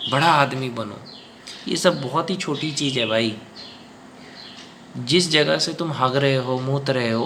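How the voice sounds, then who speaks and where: A man's voice: mid-range voice, pushed and bright, slight background noise. A man giving a preachy advice talk, lecturing viewers in a repetitive, direct way and calling them brother. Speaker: advice video speaker.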